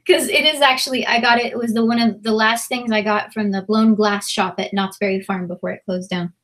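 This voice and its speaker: A woman joins a live video call and talks through an idea for her adult class. She rambles a bit and leans on fillers while she thinks aloud, at an ordinary pitch. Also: fairly even intonation, a little fast, a bit bright. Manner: thoughtful, rambling, many fillers. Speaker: co-host, teacher of adults. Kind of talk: casual live-stream chat.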